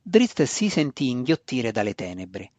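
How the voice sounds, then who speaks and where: A man's voice: medium pitch, very animated, a little slow, darkish tone, no room sound. Man narrating a fantasy audiobook.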